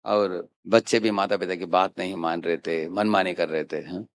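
A man's voice: low voice, fairly even intonation, normal speed. A man giving a conversational scripture lecture as a preacher, often checking in with listeners. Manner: conversational, frequent "hain?" prompts to listeners.

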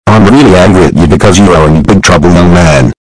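A man's voice: low voice, fast talker, no echo, poor audio. A man voicing a stern male police officer who scolds and gives bossy orders.

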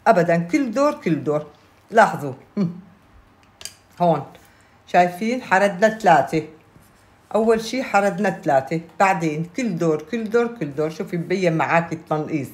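Lower-voiced woman with a Levantine Arabic accent. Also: expressive, a little fast. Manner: instructive, repeats key steps, checks in with listeners. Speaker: knitting instructor. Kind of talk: casual step-by-step craft tutorial. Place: indoors at a table, hands-only camera view.

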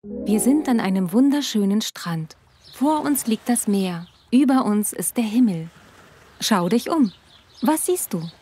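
A woman voicing a teenage girl who speaks softly and gently in a storybook tale. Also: a little high, moderate pace, slight background noise, lightly acted. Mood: soothing. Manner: soft, calming. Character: teenage girl Lena, shy then apologetic.

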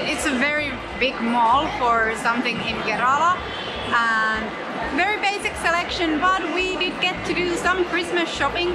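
High-voiced Finnish woman vlogging. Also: very noisy. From Finland. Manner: upbeat, chatty, playful. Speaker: travel vlogger. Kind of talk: casual vlog talk to camera. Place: busy shopping mall and restaurant, indoors. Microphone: action camera held at arm's length. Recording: loud crowd and music behind.

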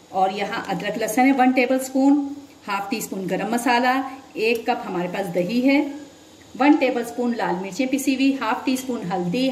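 Woman cooking host, fairly high voice, patient step-by-step explanations, echoey kitchen, distant mic, loud sizzling. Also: slight background noise. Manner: patient, explains each step and gives tips. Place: home kitchen, at the stove. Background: frying and sizzling.

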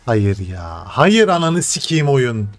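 Young man, gaming commentary, swears and shouts at the game, faint music behind, desk mic. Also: medium pitch, sing-song, takes it slowly. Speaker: gaming streamer. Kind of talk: live gameplay commentary.

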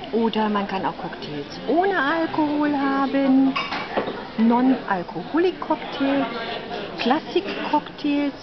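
A vlogger in her thirties with a slightly high voice gives a hotel tour to a handheld camera in a busy restaurant and bar. She narrates chattily in a polite, showy presenter tone. The camera mic sounds dull, and loud crowd chatter fills the background.

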